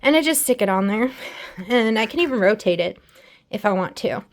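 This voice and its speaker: A woman's voice: on the high side, animated, fairly quick. Slightly breathless woman reviewing her bike. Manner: chatty, candid, self-deprecating. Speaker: product reviewer. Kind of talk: casual product review vlog. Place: home, on an exercise bike.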